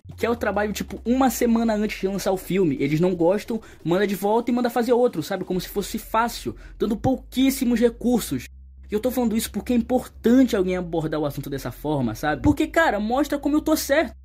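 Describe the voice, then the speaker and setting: Talking fast in a high-pitched, expressive voice with a darkish tone, a young Brazilian man offers colloquial, opinionated video-essay commentary. His Brazilian Portuguese accent comes through, he turns emphatic when criticizing, and background music plays beneath the voice-over.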